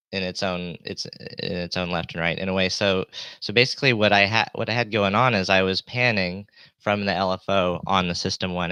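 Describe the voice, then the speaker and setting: A man with a deep yet bright voice explains things live in a rambling way. He hesitates, trails off and restarts his thoughts. The sound is dry, with a light low-pass filter on the voice. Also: clean tone, no room sound. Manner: hesitant, trailing off, self-interrupting. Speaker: live streamer and synth tutor.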